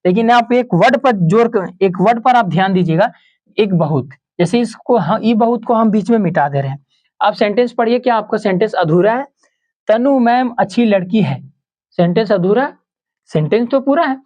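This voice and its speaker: A man teaching a Hindi grammar lesson for exam preparation, who keeps asking questions and answering them himself, repeating each example and slowing down on key terms. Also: animated, darkish tone, muffled recording. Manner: slows down and drops low on key terms.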